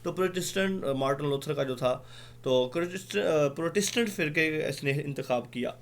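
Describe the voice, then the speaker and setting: Explaining slowly and using plenty of fillers, a man with a fairly high-pitched voice leads an online exam-prep class. He spells out words one letter at a time.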